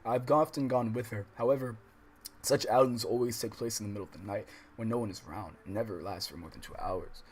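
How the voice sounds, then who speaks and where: An American livestream host plays a casual let's-play, stumbling as he reads story text aloud and reacting in slangy, profane talk. His voice is on the low side, fast, darkish and slightly rough, and the audio is poor.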